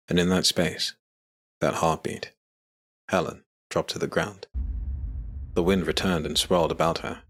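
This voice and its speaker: A man narrating a dark fantasy audio drama with measured, even storytelling. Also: sits low, husky. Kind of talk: scripted narration.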